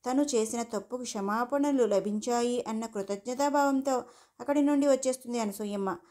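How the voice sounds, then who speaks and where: A woman storyteller reading a family story aloud in a steady, measured way. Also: fairly high pitch. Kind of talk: scripted story narration.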